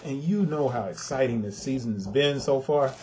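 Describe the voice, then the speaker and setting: A man's voice: mid-range voice, normal speed, noisy background. A man who is a father gives a casual, emphatic sneaker review, talking straight to his viewers and venting his frustration. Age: adult with a son.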